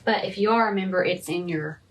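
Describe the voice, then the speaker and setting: A woman's voice: mid-range voice, brisk. A woman teaching a live painting lesson, chatting and thinking aloud as she paints. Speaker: art teacher. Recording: from a distance, faint room noise.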